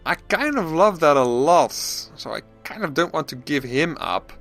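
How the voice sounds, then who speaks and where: Lively, bright-voiced man thinking aloud. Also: a little high, measured pace, gravelly, faint music behind. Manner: thinking aloud, self-deprecating, frequent restarts. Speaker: gaming channel host. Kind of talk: let's play commentary.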